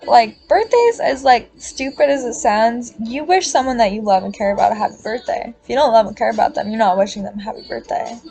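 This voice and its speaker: A woman in her twenties speaks in a loose, confessional monologue. Her voice sits a little high, and she rambles, leaning on "like" and casual swearing. Faint music plays behind her. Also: a little fast, gravelly, hardly any pauses, mellow.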